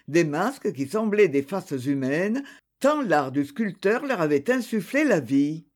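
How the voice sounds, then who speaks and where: An audiobook narrator reads a detective novel in a theatrical, expressive way. The pitch moves a great deal from line to line. The pace stays slow and deliberate.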